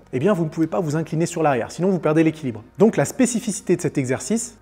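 A male fitness coach talks through exercises at a rapid clip, upbeat and explanatory. His voice sits a bit high for a man, with a dark, mellow color and a slightly husky edge. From France. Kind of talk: fitness tutorial with sponsor read.

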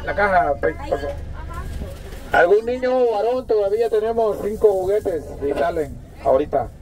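A man's voice: sits high, animated, normal speed, darkish tone, some chatter behind, low-quality recording. A man with a Salvadoran accent joking with friends and calling out a toy giveaway from an open truck outdoors. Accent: Salvadoran Spanish. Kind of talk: casual joking banter and street calls.

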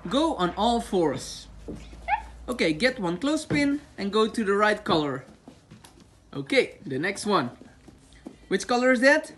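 A woman's voice: medium pitch, big pitch swings, measured pace, pauses often, slight background noise. A woman giving a child simple, encouraging step-by-step instructions in short phrases, often repeating answers. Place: outdoors in a small backyard. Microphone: handheld phone.

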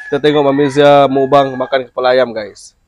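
A man's voice: medium pitch, flat delivery, brisk, dry recording, highs cut off. A man chatting casually to viewers in a vlog, teasing and repeating himself as he shows around an outdoor spot after rain. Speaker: vlogger.

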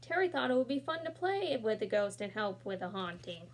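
A young woman reads a children's picture book aloud in a small room, expressive and tossing in casual asides, captured on a laptop camera. Her voice is medium in pitch and her pace is brisk.

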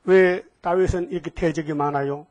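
A man's voice: fairly high pitch, steady tone, moderate pace, a little mellow, muffled recording. A man in his seventies preaching a sermon in a folksy way, asking the congregation questions and adding homely asides. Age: 70s. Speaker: pastor. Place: church hall.

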